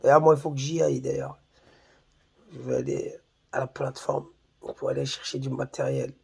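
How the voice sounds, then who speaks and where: A man's voice: mid-range voice, flat delivery, normal speed, gravelly, slightly rough. A man on his own channel in a heated, mocking rant full of slang and swearing. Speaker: YouTuber. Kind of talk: heated insulting rant to camera.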